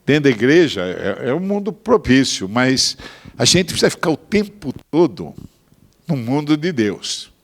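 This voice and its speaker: Older Brazilian pastor telling a testimony. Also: male voice, mid-range voice, big pitch swings, a little slow. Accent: Brazilian Portuguese. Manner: storytelling, shifts between hushed asides and bursts of loud emphasis. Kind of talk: sermon testimony.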